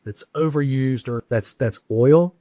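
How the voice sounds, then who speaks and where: A man hosting a casual interview, asking questions in a relaxed way with fillers. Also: medium pitch, unhurried, dry recording. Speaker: podcast host.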